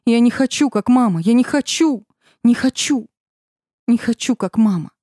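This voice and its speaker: A woman voicing a volatile young dark witch in an audiobook, with shrill laughing taunts that turn into sobbing wails. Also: animated, moderate pace, no echo, studio quality. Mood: anguished.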